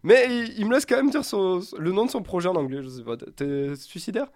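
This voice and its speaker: Joking high-voiced male radio host. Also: sing-song, fast talker, a little mellow, no echo, studio quality. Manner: joking, teasing, chatty. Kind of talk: casual radio chat.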